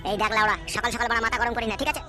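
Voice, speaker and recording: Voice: medium pitch, steady tone, very fast, over loud music, close to an everyday voice. A performer voicing a crude, quarrelsome adult husband in a cartoon who swears constantly and talks abusively. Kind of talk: sped-up cartoon voice acting.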